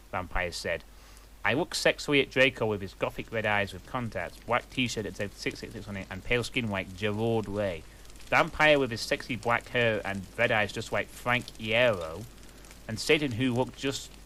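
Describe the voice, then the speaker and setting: A man reads a story aloud in a comic, mock-earnest style while a fireplace crackles behind him. His medium-pitched voice sounds pushed and bright.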